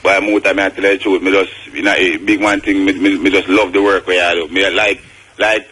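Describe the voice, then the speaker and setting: A man's voice: deep voice, little pitch movement, fairly quick, bright, forceful tone, breathy edge, low-quality recording. A Jamaican man calling a radio show, talking casual Patois insistently and repeating himself. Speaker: radio phone-in caller.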